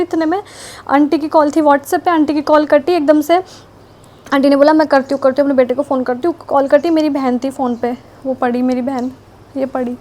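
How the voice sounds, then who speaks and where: High-voiced young woman telling a story. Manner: animated, breathless retelling with many repetitions. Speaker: vlogger. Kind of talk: personal storytelling.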